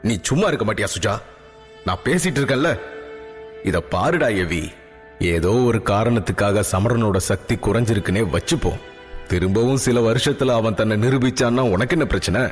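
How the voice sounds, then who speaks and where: A man voicing a calm, patient father, a king who soothes his daughter, in an audio drama. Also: close to an everyday voice. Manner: low, calm, measured. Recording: music bed, long reverb.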